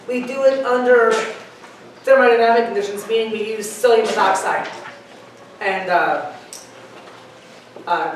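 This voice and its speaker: A university chemistry lecturer delivers a classroom lecture in a large lecture hall, chatty and given to joking asides. His medium-pitched voice is picked up from far off in the echoey hall, with slight background noise.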